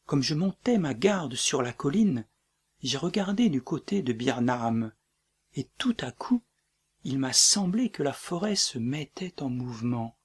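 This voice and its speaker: A man's voice: medium pitch, lively intonation, measured pace, husky. A man voicing a frightened young messenger. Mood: hesitant. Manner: hesitant, then insistent.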